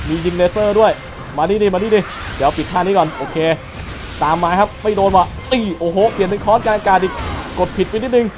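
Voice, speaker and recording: Excitable high-voiced young man gaming. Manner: excitable, trash-talks enemies, frequent exclamations. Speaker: gaming channel host. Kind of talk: let's play commentary. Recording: loud game music behind voice.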